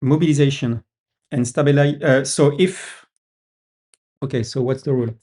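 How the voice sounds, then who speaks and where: A man with a French accent explaining app features in casual talk, pausing often with fillers. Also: medium pitch, steady tone, darkish tone. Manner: hesitant, many "uh" fillers. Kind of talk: casual video-call discussion.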